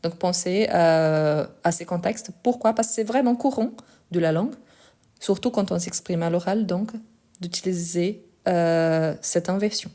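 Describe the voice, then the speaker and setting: A woman's voice: fairly low pitch, measured pace, dark tone. A woman with a non-native accent in French, teaching a live online lesson. She explains step by step, often checks in with the viewers, and tends to speed up as she talks. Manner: tends to speed up while talking.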